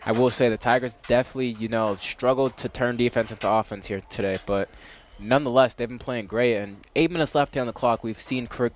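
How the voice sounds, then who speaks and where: A teenage man, a student player, doing casual play-by-play commentary for a high school football game, with frequent restarts. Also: brisk, hardly any pauses, a little hiss or hum. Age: teens.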